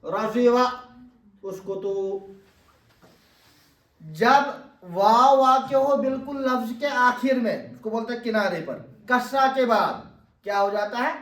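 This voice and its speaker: High-voiced male teacher quizzing a student. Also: lively intonation, slow pace, fairly bright tone. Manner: quizzes the student with repeated questions. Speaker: Arabic grammar teacher. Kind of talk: classroom lesson with question and answer. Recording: echoey room, voice from a distance.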